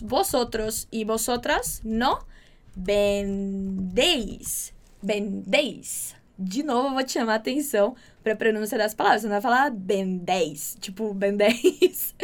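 A woman from Brazil giving a chatty, upbeat Spanish lesson, drilling words slowly and repeating them. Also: fairly high pitch. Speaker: Spanish teacher. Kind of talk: casual online language lesson.

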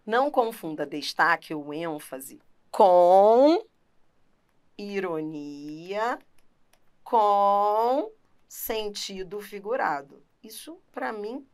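Professora brasileira animada e enfática. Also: female voice, mid-range voice, drawn-out words, long pauses. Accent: Brazilian Portuguese. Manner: animated, emphatic, talks straight to the student. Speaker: teacher. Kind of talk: lively grammar lesson.

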